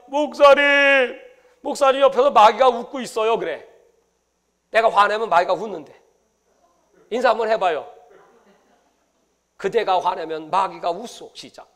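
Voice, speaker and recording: Middle-aged male pastor, high-pitched, storytelling sermon delivery with big swings in volume. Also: vocal fry. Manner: storytelling, swings from hushed asides to loud exclamations.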